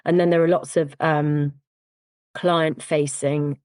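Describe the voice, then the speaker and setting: Woman, low-pitched, steady founder-guest explaining patiently; dry, close sound. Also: dry recording. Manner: measured, explanatory, frequent "um" and "you know". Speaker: cyber security firm founder, guest. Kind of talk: podcast interview.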